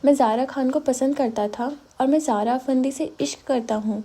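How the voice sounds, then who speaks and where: Woman doing calm young man, soft-spoken, tender, high voice, mellow tone, audiobook. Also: husky.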